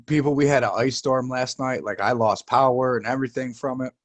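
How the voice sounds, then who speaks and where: A man's voice: medium pitch, steady tone, fairly quick, no room sound. A man co-hosting a podcast, telling stories in a casual, rambling stoner way and swearing freely. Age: adult, parent of young child. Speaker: podcast co-host. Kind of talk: casual podcast banter and storytelling.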